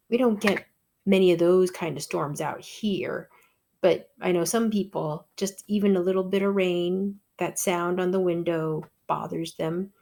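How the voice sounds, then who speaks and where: A woman tells a devotional story in a soft-spoken, unhurried voice. Her pitch sits low, and she takes her time over every phrase. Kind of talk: gentle devotional talk.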